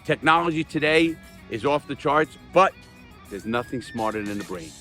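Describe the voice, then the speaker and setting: A man's voice: mid-range voice, lively intonation, normal speed, pushed and bright, faint music behind. An older man talking off the cuff to his viewers, emphatic and earnest, repeating points for stress in a plain-spoken way. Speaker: host of a crime stories channel. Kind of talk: unscripted talk to viewers.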